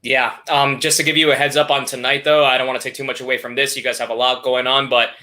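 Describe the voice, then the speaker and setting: A young South Florida man, appearing as a guest streamer, chats casually on a live stream in an upbeat, easygoing way, packing his speech with fillers. His medium-pitched voice is flat in delivery, bright and forceful, and he talks fast.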